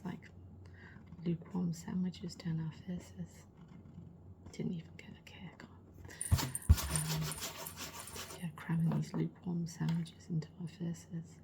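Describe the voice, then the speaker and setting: Brief: middle-aged woman, whispered role-play, low-pitched, fry in the voice, a little hoarse. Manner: soft rambling whispered chat. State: slightly losing her voice. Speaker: ASMR creator.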